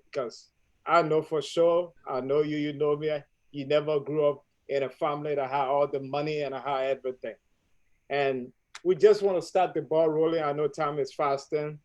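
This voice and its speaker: A man's voice: a little high, darkish tone, poor audio. A man hosting a live-streamed family talk show, introducing his guest formally and asking long, winding questions. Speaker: host.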